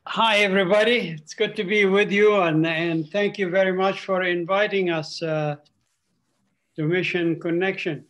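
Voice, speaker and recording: A man in his sixties from Palestine, raised in the Gulf, giving an earnest, halting testimony over a video call. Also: high-pitched, fairly even intonation, fairly bright tone. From Palestinian, raised in Saudi Arabia and Qatar. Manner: earnest, halting with frequent uhs. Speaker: ministry speaker.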